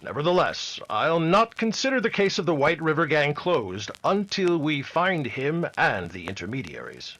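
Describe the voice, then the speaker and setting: A man's voice: on the high side, wildly swooping pitch, normal speed, few pauses, fairly bright tone, exaggerated voice, rough recording. A man playing an earnest, dogged and respectful Mountie sergeant in an old-time radio adventure. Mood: modest, resolute.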